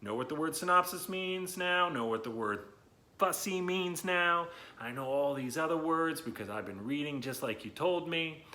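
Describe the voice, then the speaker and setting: A children's story reader and host talks straight to young viewers, reading aloud with enthusiasm and encouragement and drawing out words for emphasis. His voice is fairly high, with lively intonation, a moderate pace, and a pushed, bright quality.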